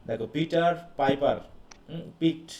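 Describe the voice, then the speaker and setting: A man's voice: on the high side, moderate pace, darkish tone, slight background noise. A man teaching a live class, explaining step by step and asking his students questions. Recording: echoey classroom heard from a distance.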